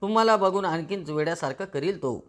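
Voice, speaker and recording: A man's voice: high voice, lively intonation, fairly quick, fairly bright tone. A man voicing a practical young man who gives instructions. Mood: instructive.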